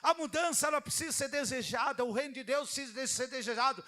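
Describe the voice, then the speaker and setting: A male pastor preaching a sermon in an animated way, acting out the people he quotes. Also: very high-pitched, fast talker.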